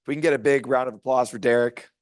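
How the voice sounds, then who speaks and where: A hoarse, sleep-deprived man closing a conference as emcee, rambling and gratefully thanking the speakers and crew. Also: medium pitch, fairly even intonation, rapid-fire, no echo, clean studio sound. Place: hotel conference room.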